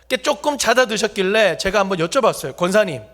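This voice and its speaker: High-voiced preacher. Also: male voice, animated, brisk, fairly bright tone. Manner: jokey, talks directly to the congregation. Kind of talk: humorous sermon storytelling. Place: church sanctuary.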